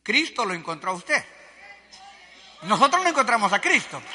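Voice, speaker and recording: A man preaching with a very high, piercing and bright voice. He talks straight to his congregation, calling them brother, and swings from forceful shouts to hushed asides. His words ring out with a long hall reverb. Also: sing-song, moderate pace, slight background noise. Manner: addresses listeners directly as brother. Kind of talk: sermon.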